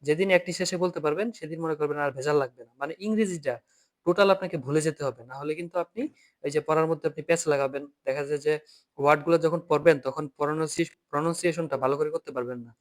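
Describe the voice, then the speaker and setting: A man's voice: a little high, racing. A man teaching an online German class by video call, patiently repeating each point and asking students to read aloud.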